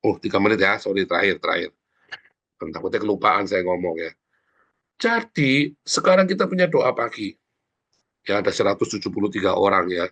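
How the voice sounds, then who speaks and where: A man pastor giving an informal, animated morning sermon, often turning to the congregation directly. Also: sits low, brisk, pauses often. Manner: animated, informal preaching that often addresses listeners as brothers and sisters.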